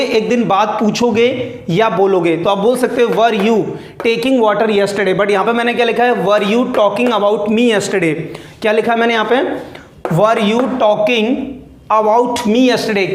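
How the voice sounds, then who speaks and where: A man teaching spoken English who asks questions and answers them himself, and slows right down when he says example sentences. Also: extremely high pitch. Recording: echoey room.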